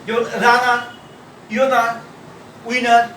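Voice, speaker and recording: A man teaching shorthand in a classroom style, pausing and repeating words as he writes out examples. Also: extremely high pitch, monotone, fairly bright tone, slight background noise. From India. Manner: halting, repeats words while writing. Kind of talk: classroom lesson. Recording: echoey room, mic far off.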